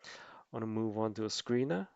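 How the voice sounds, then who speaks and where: A man narrating an explanatory tutorial as an amateur presenter, speaking haltingly in short phrases. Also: fairly low pitch, lively intonation, gravelly, a little mellow, smooth, dry recording, highs cut off. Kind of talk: explanatory investing tutorial voice-over.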